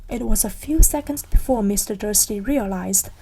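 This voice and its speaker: A young woman reading a novel aloud in a soft ASMR style, hushed and partly whispered. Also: medium pitch, normal speed, slightly rough, rough recording. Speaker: narrator.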